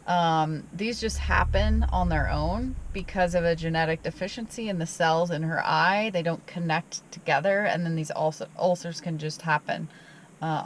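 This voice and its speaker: A woman's voice: lowish voice, a little hiss or hum, poor audio. Chatty upbeat woman vlogger. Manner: chatty, upbeat, laughs easily. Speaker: van life vlogger. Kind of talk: casual vlog chat. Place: campsite by a van, outdoors.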